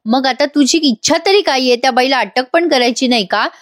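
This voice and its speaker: An upset, middle-aged doctor father who scolds and begs his daughter, read out by a woman. The voice sits rather high, and it is recorded dry and close. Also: a little fast, no room sound, lightly acted. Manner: pleading, scolding.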